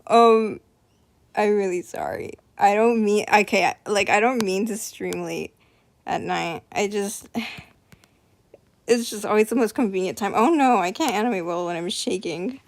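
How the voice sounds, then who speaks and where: A woman's voice: mid-range voice, unhurried. A young woman streaming live, chatting casually, nervous and apologetic, rambling with lots of fillers.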